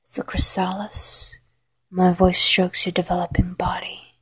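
A woman whispering a slow, coaxing guided hypnosis roleplay in a soft, intimate voice. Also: lowish voice, completely flat delivery, husky. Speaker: hypnosis narrator.

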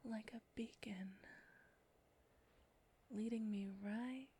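A woman voicing a seductive, predatory female succubus in an audio roleplay, speaking in a breathy whisper with a slow, taunting manner. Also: a little high, steady tone, mellow, full character voice. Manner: slow, taunting, close to the ear.

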